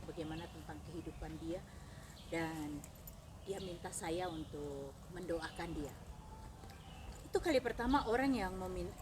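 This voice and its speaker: A woman giving a personal faith testimony as a lively storyteller who acts out the dialogue. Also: lowish voice. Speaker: ministry speaker. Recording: noisy background.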